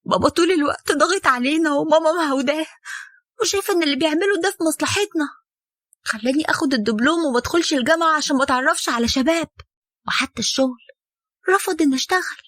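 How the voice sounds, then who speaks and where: A woman's voice: extremely high pitch, racing, fairly bright tone, no echo, clean studio sound, voice pushed up. A woman voicing a tearful young Egyptian wife. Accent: Egyptian Arabic. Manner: pleading, tearful.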